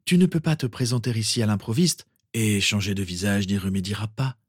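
A man's voice: on the low side, brisk, breathy edge, no echo, studio quality. A man doing a weary, firm old headmaster. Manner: patient but firm.

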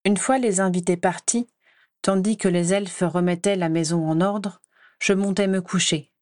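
Calm woman reading a story, low voice. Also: moderate pace. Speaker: audiobook reader. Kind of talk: first-person fan-fiction reading.

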